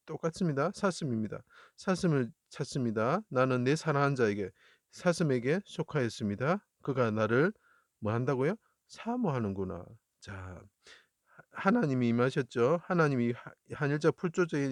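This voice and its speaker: A man's voice: mid-range voice, no room sound, studio quality. A man from Daegu explaining Chinese characters in Bible verses, earnest and repetitive, lifting his voice when he quotes scripture. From Daegu, South Korea.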